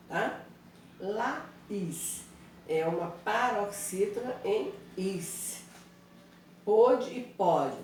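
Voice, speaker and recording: A woman's voice: mid-range voice, darkish tone, slight background noise. A woman teacher correcting exercises in an online class, explaining step by step and often checking in with the students. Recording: very echoey room, voice far from mic.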